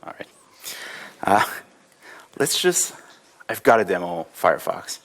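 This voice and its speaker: A man's voice: deep voice, big pitch swings, measured pace, vocal fry, a bit bright. A man giving a live tech conference talk with demos, casual and filler-heavy, often chuckling between points. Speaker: conference speaker. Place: conference hall with audience.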